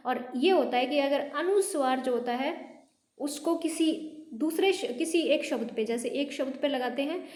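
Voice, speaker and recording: A woman teaching Hindi pronunciation, patiently repeating each word slowly for her learners. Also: high voice, a little mellow, echoey room. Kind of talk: classroom lesson on pronunciation.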